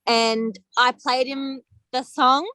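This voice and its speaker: A woman's voice: high voice, steady tone, slow, pushed and bright. A woman chatting playfully as a band member in a casual interview. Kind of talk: casual chat.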